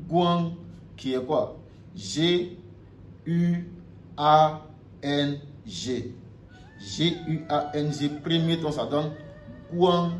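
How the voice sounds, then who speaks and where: A man teaching Mandarin tones in a video lesson, speaking slowly, often checking "ok?" and repeating syllables loudly for drills. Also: mid-range voice. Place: lives in China. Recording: echoey room, faint music.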